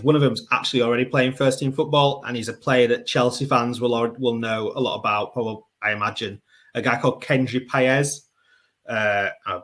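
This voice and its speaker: A man's voice: medium pitch, fairly bright tone. A man, a football writer answering interview questions in a casual, conversational way, with frequent fillers and restarts.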